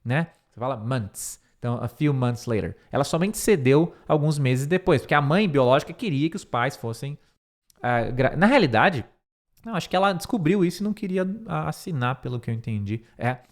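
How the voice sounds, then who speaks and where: A middle-aged man giving an English lesson in a voice pitched a little high for a man. He walks through the text line by line, repeating words slowly so learners can copy the pronunciation. He thinks aloud and corrects himself mid-sentence. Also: expressive. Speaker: English teacher.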